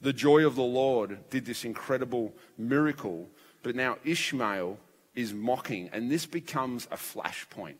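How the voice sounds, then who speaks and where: A man's voice: medium pitch, lively intonation, a little slow. A man preaching a sermon as pastor in a church, his voice strained and fragile, telling the story vividly and acting out voices. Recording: long church hall reverb.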